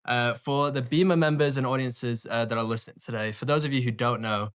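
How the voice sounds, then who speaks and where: A man's voice: medium pitch, steady tone, a little fast, clear, resonant tone. A man hosting a podcast interview, introducing his guest eagerly with many fillers. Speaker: podcast host.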